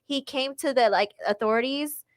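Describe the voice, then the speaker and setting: A woman's voice: high-pitched, moderate pace, dry recording, clean studio sound. A woman talking in an unscripted, casual conversation as a guest, chatty and emphatic in the way she tells things. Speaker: podcast guest, ring announcer.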